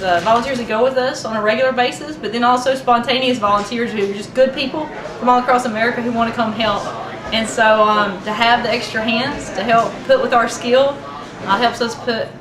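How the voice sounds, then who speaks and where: A woman relief organizer thanking a volunteer family, speaking earnestly and from the heart. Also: on the high side. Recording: echoey, distant, noisy.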